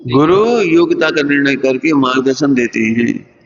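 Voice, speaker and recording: A man's voice: mid-range voice, lively intonation, normal speed. A man preaching a sermon, teaching earnestly and posing rhetorical questions to his listeners. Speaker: Jain preacher. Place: lecture hall. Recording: dull recording in a reverberant hall.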